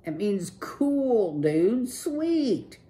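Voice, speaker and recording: A woman with a mid-range, warm voice pushes it up to play a cool young male city mouse. She speaks extremely slowly and very animatedly in a breezy, laid-back drawl, full of surfer slang and constant "dude"s.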